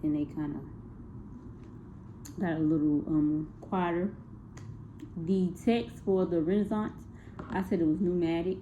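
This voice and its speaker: Low-voiced young woman, tinny phone recording. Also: steady tone, measured pace, long pauses, dark tone, slight background noise. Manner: hesitant, many fillers and self-corrections. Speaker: student presenting a music project. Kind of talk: casual spoken class presentation.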